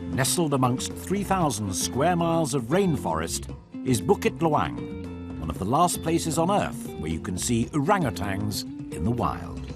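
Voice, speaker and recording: A man's voice: mid-range voice, big pitch swings, measured pace. A man reading scripted nature documentary narration with dramatic storytelling. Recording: loud music bed under voice. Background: music.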